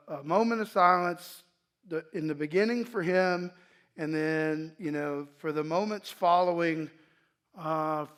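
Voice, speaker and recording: A guest at a church sanctuary, this East Dallas, Texas man in his forties tells his life story at the pulpit microphone as personal testimony. His voice, a little high, is clear and resonant; his delivery is halting and reflective, full of restarts.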